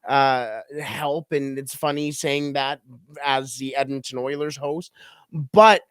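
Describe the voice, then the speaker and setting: A man's voice: mid-range voice, steady tone, takes it slowly, fairly bright tone, clean tone, no room sound, studio quality. A man co-hosting a sports podcast in casual, emphatic chat. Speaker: podcast co-host.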